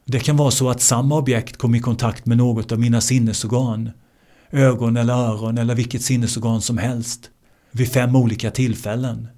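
A man teaching meditation in a slow, measured way, repeating key words for emphasis. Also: medium pitch, level tone, dark tone. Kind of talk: spiritual teaching talk.

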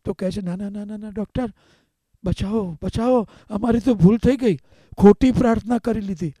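A man's voice: sits high, moderate pace, dark tone, dry recording, pitched above the performer's own voice. A man putting on a frail old man who pleads with a doctor to be saved, repeating his words. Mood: pleading.

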